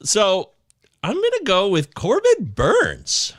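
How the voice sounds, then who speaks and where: A man talking fantasy baseball picks on a podcast, theatrical and emotional, swinging from loud outbursts to quiet asides. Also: sits high, wildly swooping pitch, takes it slowly. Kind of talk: casual podcast chat.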